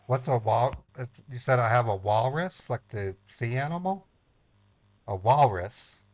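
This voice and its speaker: A man chatting casually as a caller, in a halting, naive-sounding way, often repeating himself. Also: mid-range voice, animated, no echo. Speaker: prank caller baiting a phone scammer. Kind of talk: casual phone chat.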